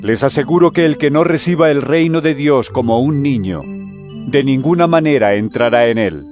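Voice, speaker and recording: An actor playing Jesus in an audio drama, a solemn, authoritative yet gentle male teacher speaking in measured phrases. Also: mid-range voice, expressive, over music, lightly acted. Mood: firm teaching.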